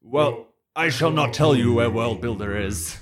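Man acting out a defiant dark henchman, grandly theatrical. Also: mid-range voice, a little slow, crowd noise, voice pushed up, natural voice. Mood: defiant, haughty. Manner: grandly theatrical, archaic phrasing. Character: defiant captured henchman knight serving the Lich King.

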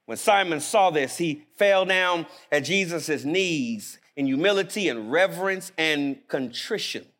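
High, animated male preacher. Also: unhurried, hardly any pauses. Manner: animated, emphatic preaching with sudden drops to quiet. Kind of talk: sermon. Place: chapel.

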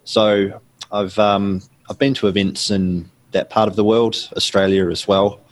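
A middle-aged New Zealand man, appearing as a guest author, answers interview questions in a measured, explanatory manner, often saying um and restarting. His voice is lowish and his delivery flat.

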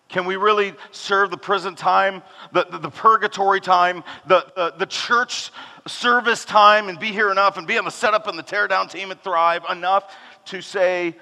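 A man preaching a sermon to his congregation in a conversational way, asking rhetorical questions and dropping low and soft when he speaks God's words. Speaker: pastor. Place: church hall. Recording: long hall reverb.

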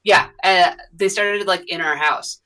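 A woman in her thirties from the US Midwest, a podcast guest chatting casually and rambling with many pauses. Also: fairly low pitch, bright, forceful tone. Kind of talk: casual conversation.

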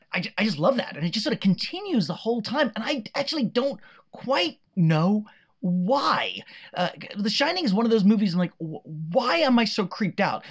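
Animated, teasing woman podcaster. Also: fairly low pitch. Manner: animated, laughs easily, teasing. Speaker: podcast co-host. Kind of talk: casual film discussion.

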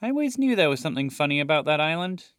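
A man reading a storybook aloud, voicing a small mouse who sounds flat and unimpressed. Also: a little high, rapid-fire, dry recording, clean studio sound, voice pushed up.

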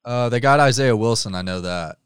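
A man's voice: medium pitch, brisk, smooth, no echo, clean studio sound. A laid-back man co-hosting a casual sports talk show, agreeable and informative.

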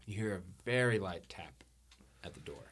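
A man with a bright, forceful voice narrates a tabletop role-playing session as game master. He talks playfully and jokes with the players between scenes. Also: low-pitched, animated, moderate pace. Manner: playful, laughing often.

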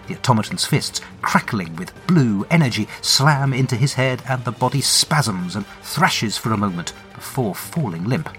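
Man narrating a lively solo tabletop game. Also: mid-range voice, normal speed, hardly any pauses, soft background music. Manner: wry, dramatic storytelling.

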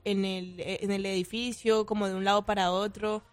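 A woman co-hosting a radio program who tells news items in casual chat. She talks hesitantly, with frequent pauses and restarts, at a middling pitch. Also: level tone, faint music behind. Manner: hesitant, many fillers and restarts. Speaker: radio co-host presenting news.

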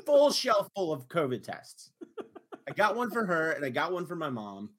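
Animated, lively male podcast storyteller. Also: on the high side, normal speed, slightly rough. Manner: animated storytelling, exasperated retelling. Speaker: podcast host. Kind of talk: casual chat.

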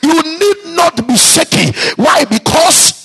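A male preacher, delivering a sermon in a chanting, sing-song way with repeated lines and shouted peaks. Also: very high-pitched, sing-song, takes it slowly, gravelly, soft background music.

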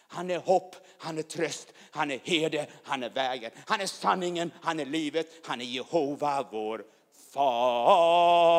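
A man preaching in a charismatic style, chanting repeated phrases that swell into loud proclamations, then speaking softly and personally. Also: a little high. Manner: rhythmic chanting repetition, rising to shouts. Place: church hall. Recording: long hall reverb.

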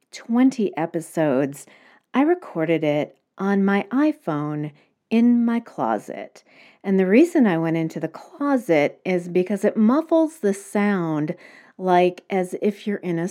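Speaking into a home mic, a podcast host works through her topic one step at a time in a relaxed solo talk. She has a mellow, fairly low-pitched voice.

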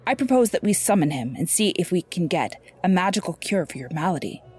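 A woman voicing a calm, persuasive male sorcerer in a measured, courteous storybook reading. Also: on the low side, faint music behind.

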